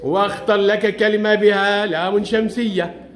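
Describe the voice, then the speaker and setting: A man's voice: high-pitched, steady tone, moderate pace. A male primary school teacher with a lilt, running a classroom lesson and coaxing his pupils with frequent laughs. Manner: coaxing, encouraging, laughs often.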